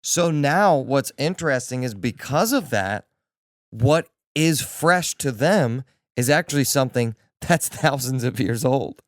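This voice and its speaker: A man's voice: mid-range voice, lively intonation, unhurried, no echo. Casual man talking church, dry room. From Delaware, USA. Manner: conversational, builds points with repetition, frequent "like". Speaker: podcast co-host. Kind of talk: casual chat.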